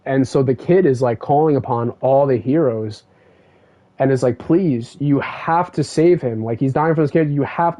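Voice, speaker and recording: A man's voice: mid-range voice, warm tone. A man streaming a game, chatting casually and rambling through a story with lots of fillers. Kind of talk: casual chat while gaming. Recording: dull lo-fi stream mic.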